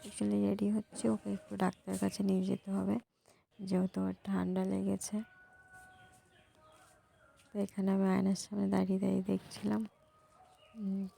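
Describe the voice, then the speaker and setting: A young woman, hoarse from a cold, talking softly to her viewers in a casual vlog. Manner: soft, low-volume talk. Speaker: vlogger.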